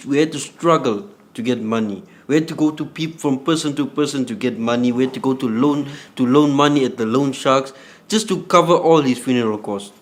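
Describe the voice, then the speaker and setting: A man's voice: mid-range voice, close to an everyday voice. An actor playing an earnest male friend who reassures and advises a grieving man. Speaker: supportive friend.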